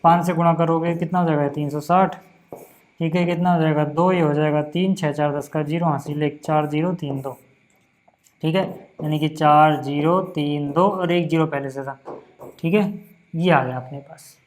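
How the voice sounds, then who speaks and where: A young man teaching a casual maths lesson, patient and chatty, checking in often and slowing down to count out each step. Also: a little high, steady tone. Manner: slows down to count out steps.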